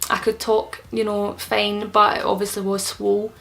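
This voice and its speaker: This young woman delivers her casual vlog explanations in a completely flat way, at normal speed, with a medium-pitched, fairly bright, creaky voice. She's answering common questions, and her speech is slightly impeded and thick, as though her tongue was just pierced.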